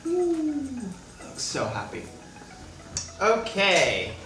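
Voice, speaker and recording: In a casual cooking vlog, a young man from Hong Kong talks playfully as he cooks at home in a small apartment. He speaks very slowly in a high-pitched voice with huge pitch swings, while music plays in an echoey room.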